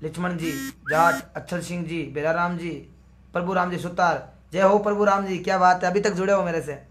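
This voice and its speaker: A man's voice: high voice, steady tone, a little fast, fairly bright tone, slight background noise. A man with a sore, strained throat, hosting a live stream and greeting viewers by name one after another. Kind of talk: live stream chat, reading out viewer comments.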